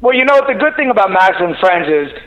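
A man's voice: high-pitched, big pitch swings, fast talker. Upbeat man on a speakerphone-like cell call. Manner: upbeat, laughs easily. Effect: cell phone call sounding like a speakerphone. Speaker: radio host calling in. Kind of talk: casual on-air chat. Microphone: cell phone.

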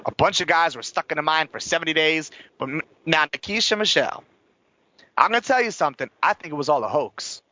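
A man's voice: on the high side, expressive, a little fast, sharp tone, dry recording, highs cut off. A man hosting a casual entertainment chat show, talking emphatically and gossipily in folksy slang. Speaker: talk show host.

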